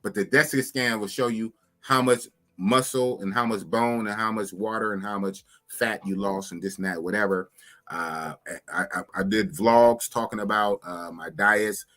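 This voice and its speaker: A podcast host in his fifties chats loosely with viewers on a live stream, talking to the chat animatedly and repeating phrases. His voice is lowish and his speed normal.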